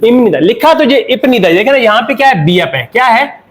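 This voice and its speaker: Pakistani urdu accent guy, high voice, teaching korean, asks then answers himself. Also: sing-song. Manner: asks questions and answers them himself, repeating drilled words; slows down to spell out example words. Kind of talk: classroom lesson explanation.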